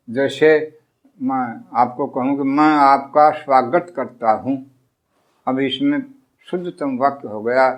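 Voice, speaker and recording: Male teacher, grammar lesson, slow and methodical, slightly high voice, small hesitations and fillers. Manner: explains step by step with pauses and reads out example sentences; hesitant restarts and filler sounds.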